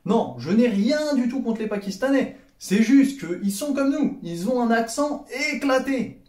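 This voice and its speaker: A young man from France with a French accent, telling comic stories in a sarcastic, animated way and acting out little dialogues. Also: very high-pitched, measured pace, echoey room. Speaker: comedy vlogger. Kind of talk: comedic storytelling monologue.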